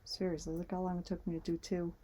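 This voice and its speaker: A woman's voice: fairly low pitch, little pitch movement, fast, warm tone. A woman vlogger chatting casually as she knits, muttering little asides to herself while she works. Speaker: knitting vlogger. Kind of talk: casual chat while knitting.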